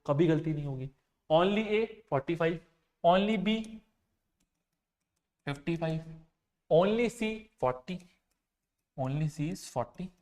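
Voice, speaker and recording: A man's voice: high voice, darkish tone. A man teaching a maths and reasoning lesson for exam preparation, explaining step by step and checking often whether his students have understood. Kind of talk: exam-prep classroom lecture.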